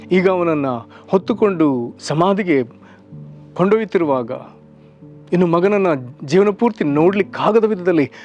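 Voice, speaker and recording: A man preaching a short devotional sermon, earnest, slowing and stretching phrases for emphasis. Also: on the high side, dull audio. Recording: soft music underneath.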